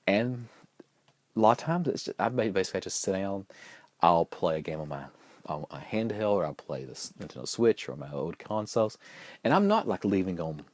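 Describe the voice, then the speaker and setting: A man's voice: sits low, big pitch swings, fairly quick, darkish tone, no room sound. A man vlogging in a chatty, good-humored way, telling a story with lots of restarts and fillers. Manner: rambling, with frequent restarts and fillers. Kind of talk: casual storytelling vlog.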